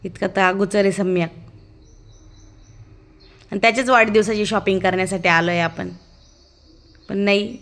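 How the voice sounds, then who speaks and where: A woman's voice: medium pitch, steady tone, normal speed, long pauses, a bit bright. A woman giving a chatty, amused running commentary as a casual vlog voice-over, narrating as the child's aunt.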